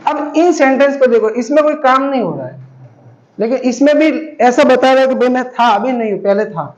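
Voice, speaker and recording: A man with a very high voice teaches a grammar class. He explains patiently and goes over each example several times. The recording is dull and lo-fi, in an echoey room. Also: lively intonation, a little fast, a little hiss or hum. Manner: patient, repetitive explaining, addresses students as beta.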